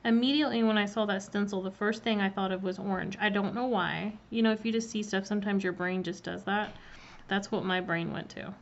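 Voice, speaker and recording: Friendly woman instructor on a live stream, mid-pitched, slightly muffled laptop audio with a faint hiss. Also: steady tone, fairly quick. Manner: chatty, greets viewers by name, filler ums. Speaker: cookie decorating instructor. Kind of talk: casual live-stream demonstration. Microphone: laptop mic.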